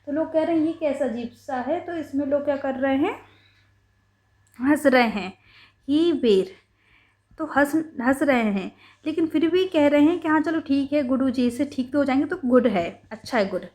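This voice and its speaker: A young woman with a high, light voice teaches ayurveda. She turns each list into a playful little story, going over the lines again and again and correcting herself mid-word. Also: lively intonation, moderate pace, a little mellow. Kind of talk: mnemonic lesson explanation.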